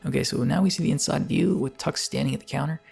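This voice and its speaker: Gravelly guy doing let's play commentary, talks fast, soft music behind. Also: fairly high pitch. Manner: reads on-screen text and dialogue choices aloud.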